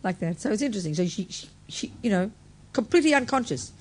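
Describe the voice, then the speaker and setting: A woman with a husky, rough, low voice tells a story to a gathered audience. She teaches Buddhism in an easygoing, conversational way, often adding a casual "you know.". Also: expressive, fairly quick, a little mellow. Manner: plain, conversational, tags phrases with "you know". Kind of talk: storytelling talk to a live audience.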